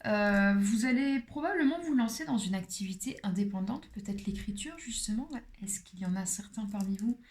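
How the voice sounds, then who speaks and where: A woman giving a casual tarot card reading. She talks in a chatty, playful way and often drops into soft whispered asides. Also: mid-range voice, expressive, fairly quick, hardly any pauses, a little hiss or hum.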